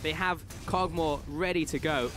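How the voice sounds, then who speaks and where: Male esports caster, high voice, excitable live play-by-play over a clear music bed. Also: normal speed. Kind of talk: live game commentary.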